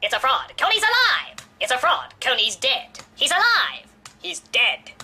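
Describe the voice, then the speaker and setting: A woman's voice: wildly swooping pitch, unhurried, sharp tone, husky, soft background music, heavily acted. A woman playing an earnest, overwrought narrator of a campaign video in a comedy sketch. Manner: earnest, escalating into shrill.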